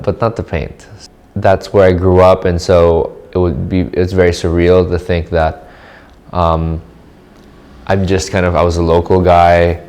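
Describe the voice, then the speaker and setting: A man's voice: sits low, darkish tone. A man from the Philippines, giving casual, thoughtful interview answers in short reflective phrases. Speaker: artist interviewee.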